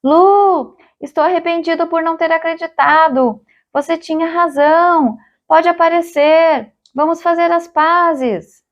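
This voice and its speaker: A woman voicing a young boy who calls out anxiously in a cold wood, in high calling shouts. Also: unhurried, few pauses. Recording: dull lo-fi recording.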